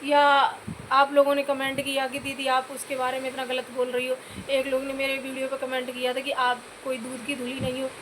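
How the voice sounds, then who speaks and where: Here a high-voiced woman from Uttar Pradesh, India, a YouTube vlogger, scolds her listeners in a to-camera rant, addressing them as "bhai" over and over. Her delivery is completely flat, brisk and fairly bright, and she pleads earnestly for comments. A little hiss or hum sits under the recording.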